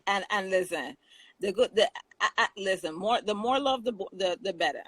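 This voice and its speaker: A woman's voice: mid-range voice, moderate pace, a bit bright, husky, no echo, low-quality recording. Laughing Jamaican woman in casual chat. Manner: chatty, laughs often, many restarts.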